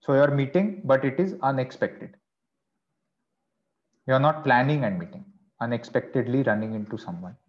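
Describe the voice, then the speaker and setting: Man teaching an online class, lo-fi sound. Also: mid-range voice. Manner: explains slowly, checks in with "okay" and "right". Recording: dull lo-fi online class audio.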